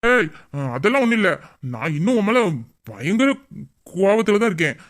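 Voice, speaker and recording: A performer plays a lovesick young man in a romantic audio drama. He grumbles and sulks in a mid-pitched voice, putting on anger he cannot keep up. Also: big pitch swings, normal speed, close to an everyday voice. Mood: sulky. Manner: grumbling, mock-angry, then tender.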